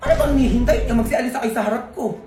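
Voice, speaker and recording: A woman's voice: on the high side, racing, music in the background. Teasing woman in comic skits. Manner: teasing, bantering gossip talk. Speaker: comedy skit performer. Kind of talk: comic sketch acting.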